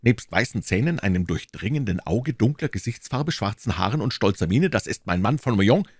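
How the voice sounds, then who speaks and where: Forscher junger Musketier, von einem Mann gelesen. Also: male voice, on the low side, expressive, moderate pace, slightly rough, no room sound, studio quality, voice pushed up. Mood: brash. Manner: brash, exclaiming. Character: bold, quick-tempered young male swordsman. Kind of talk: audiobook reading.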